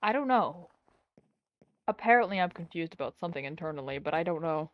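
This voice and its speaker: A woman chatting in character during a roleplay stream, playful and mock-hurt with a deadpan edge. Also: fairly low pitch, fairly quick, lo-fi sound. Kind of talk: in-character voice chat.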